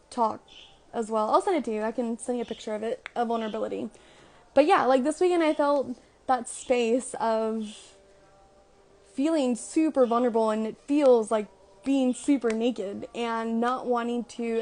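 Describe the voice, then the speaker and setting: A woman with a slightly high voice speaks candidly to her viewers. She reflects in a casual, confessional way, feeling out her thoughts in a stop-and-start flow, like someone hosting a personal self-help vlog. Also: a little mellow. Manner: halting, thinking aloud in a stop-start flow. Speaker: host of a self-help video.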